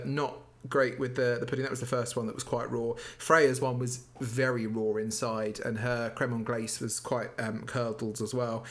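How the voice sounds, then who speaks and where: A man, guest on a podcast, chatting about a baking show and acting out moments as he tells them. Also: medium pitch. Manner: animated storytelling, acts out quotes. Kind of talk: casual chat.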